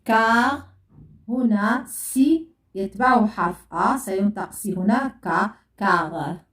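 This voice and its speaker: A woman's voice: mid-range voice, slow, fairly bright tone. A woman teaching a French lesson, patiently repeating and spelling out sounds for pupils. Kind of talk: classroom lesson. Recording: echoey room, voice far from mic.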